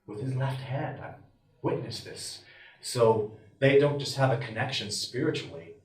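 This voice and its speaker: A man's voice: medium pitch, normal speed. A man, a wilderness expert, speaking passionately and emphatically in an interview, often acting out what others might say. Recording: roomy and distant from the mic.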